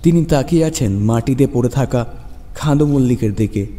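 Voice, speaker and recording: A man with a mellow, medium-pitched voice narrates a scripted horror story dramatically for a radio show, moving at a moderate pace. Background music plays beneath him, and the recording has a long reverb over the music.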